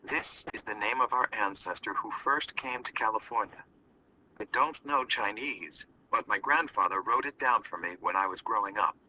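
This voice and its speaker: A man reading aloud in a classroom story lesson, voicing a patient father who explains slowly. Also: lowish voice, pushed and bright, a little hiss or hum, rough recording.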